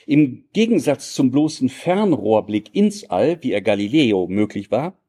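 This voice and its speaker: Lecturer, male, formal and measured, dark husky tone. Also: medium pitch. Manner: measured, formal and elaborate phrasing. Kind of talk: academic lecture.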